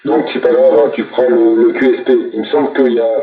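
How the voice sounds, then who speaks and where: A man speaking over a CB radio link as an operator, calmly calling through the other stations and handing the turn on. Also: medium pitch, fast talker, vocal fry. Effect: heard over a CB radio link. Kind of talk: casual radio chat passing turns. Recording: tinny, roomy CB radio from a distance.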